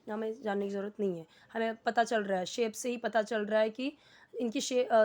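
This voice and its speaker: Woman, somewhat high voice, patient classroom explainer. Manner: patient, asks and answers her own questions. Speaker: English teacher. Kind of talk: explaining a lesson.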